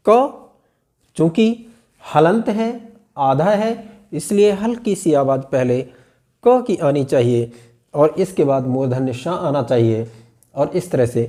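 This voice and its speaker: A man teaching a pronunciation lesson, repeating example words slowly and with stress. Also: on the high side, animated, mellow. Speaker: Hindi teacher.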